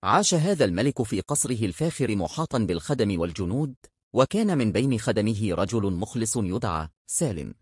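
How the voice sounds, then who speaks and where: A man narrating a moral folk tale in a measured, expressive storytelling manner. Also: on the low side, breathy edge, no room sound, studio quality.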